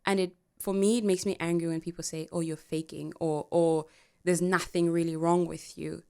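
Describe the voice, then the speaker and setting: A woman co-hosting a podcast in casual chat, animated and laughing often as she talks. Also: on the low side, moderate pace, smooth. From Africa. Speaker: podcast co-host.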